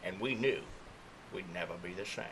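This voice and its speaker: A man's voice: low-pitched, normal speed, noisy background, pitched below the performer's own voice, lightly acted. A man voicing a hardboiled male noir detective narrating, tagging his lines with a tough-guy "see?". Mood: wry, hardboiled.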